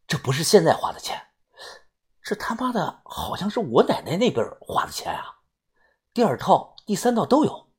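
A woman voicing a brash, crude, excitable young treasure digger in an audiobook, talking loud and whiny. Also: lowish voice, moderate pace, slightly rough, heavily acted. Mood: excited. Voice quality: coarse, swearing. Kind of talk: audiobook character voice.

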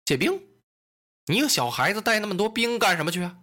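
A man voicing a pompous, incompetent middle-aged warlord who talks down to others in a slow, haughty drawl. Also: high voice, very animated, bright, forceful tone, heavily acted. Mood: greedy.

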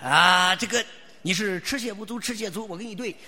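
Boastful high-voiced crosstalk comedian. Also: male voice, brisk, in a large hall, a crowd in the background. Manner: boastful, exaggerated, bursts into shouted punchlines. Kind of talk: xiangsheng crosstalk performance.

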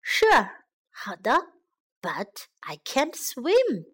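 A woman's voice: high-pitched, wildly swooping pitch, extremely slow, fairly bright tone, breathy edge, exaggerated voice. A woman voicing a timid small mouse that pleads anxiously in a children's storybook. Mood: worried pleading. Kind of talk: bilingual children's storybook reading.

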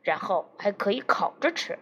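A woman's voice: mid-range voice, sing-song, normal speed, fairly bright tone, a little hiss or hum. A woman reading the part of a cheeky, joking man with a folksy, teasing way of talking. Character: joking, cheeky middle-aged man in therapy. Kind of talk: audiobook character reading.

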